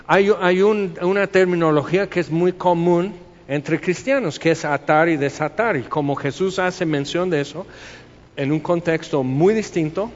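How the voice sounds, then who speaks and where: A man's voice: fairly high pitch, a little slow. A man with a Mexican accent preaching a sermon as a pastor, talking conversationally and asking the congregation rhetorical questions. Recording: reverberant hall, slightly dull sound.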